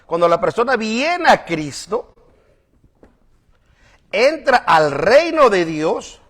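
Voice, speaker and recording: High-voiced preacher, conversational sermon. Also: male voice, sing-song, slow pace. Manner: conversational preaching, asks "¿verdad?" often; swings between raised emphatic lines and quiet asides.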